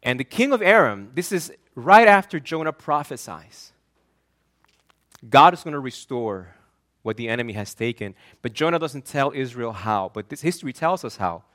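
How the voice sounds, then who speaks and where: A man's voice: medium pitch, very animated, moderate pace, fairly bright tone. A man from Argentina, a pastor preaching an earnest, emphatic sermon that often repeats and restarts words.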